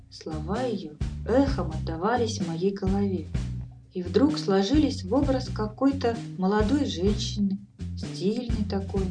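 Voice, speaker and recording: A woman narrating a story in a low, even reading voice. She sits somewhat back from the microphone. Faint music plays underneath. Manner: even, storytelling, first-person. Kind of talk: audiobook narration. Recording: distant from mic, faint music behind.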